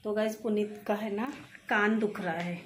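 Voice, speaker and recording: A woman's voice: mid-range voice, fairly even intonation, moderate pace, a little hiss or hum. A woman in her thirties filming a casual family vlog at home, talking to viewers and snapping back in a quarrel with her husband. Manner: chatty, addresses viewers, turns sharp when arguing. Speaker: vlogger. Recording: echoey home room.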